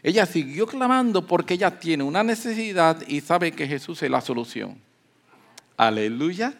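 A man preaching a sermon, moving from calm teaching to loud emphatic peaks and acting out the voices of people in the story. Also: fairly high pitch, normal speed, vocal fry. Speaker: pastor.

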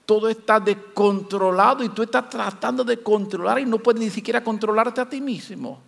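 A male preacher with a high voice delivers an impassioned sermon. He sinks to hushed, intimate passages and then builds through loud, rising repetitions. His words ring out with a long reverb, as in a large hall. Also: moderate pace, vocal fry.

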